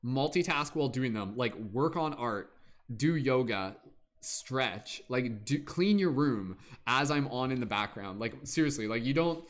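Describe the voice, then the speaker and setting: A man's voice: medium pitch, animated, measured pace. Upbeat man chatting on a livestream. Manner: chatty, upbeat, hums and scats to himself while waiting. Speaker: livestream host and tarot reader. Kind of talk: casual livestream chat. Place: in Canada.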